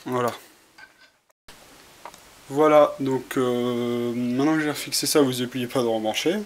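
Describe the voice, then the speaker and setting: Working with his hands, a male tutorial presenter talks through a relaxed demonstration step by step, stumbling over fillers and restarts. His medium-pitched voice stays fairly even and a bit slow, captured by a home camera with faint hiss.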